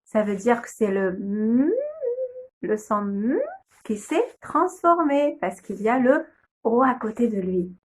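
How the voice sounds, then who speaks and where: A young woman, a kindergarten teacher, slowly and patiently sounding out letters and syllables in a phonics lesson video. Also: a little high, lively intonation, husky.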